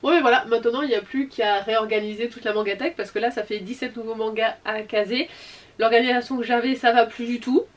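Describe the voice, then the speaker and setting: A young adult woman chatting casually in an unboxing vlog, enthusiastic and quick to apologize. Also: a little high, fairly even intonation, distant mic. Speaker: manga vlogger.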